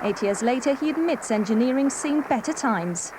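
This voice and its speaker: A woman news reporter with a high, clear voice reads a scripted report in a measured, even newsreader manner. Her voice comes from a worn VHS tape copy, with steady hiss running under every word. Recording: hissy worn videotape copy.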